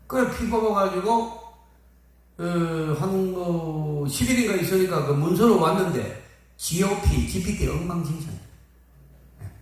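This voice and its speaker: A man's voice: sits high, lively intonation, unhurried, long pauses. An older man preaching as a pastor, telling a folksy story and briefly acting out the people in it. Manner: folksy, acts out quoted people. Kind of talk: storytelling sermon. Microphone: phone camera at a distance. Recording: echoey hall, phone from far off.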